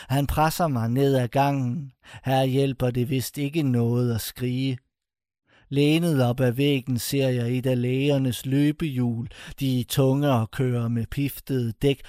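A man reads a first-person short story aloud in a mellow, warm voice. The sound is dry and close, with no room around it. His telling is intense and bitter. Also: mid-range voice, no room sound. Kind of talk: scripted first-person narration.

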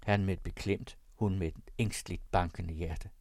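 A man narrating classic prose as an audiobook in a measured storytelling manner. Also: low voice, fairly even intonation, vocal fry, darkish tone, no room sound, studio quality.

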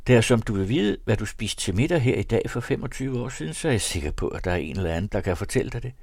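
A man's voice: on the low side, very animated, creaky, darkish tone, dry recording, clean studio sound, voice pushed up, heavily acted. A man reading aloud, voicing a frail, fickle bedridden wife in a raised, pleading tone. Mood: longing.

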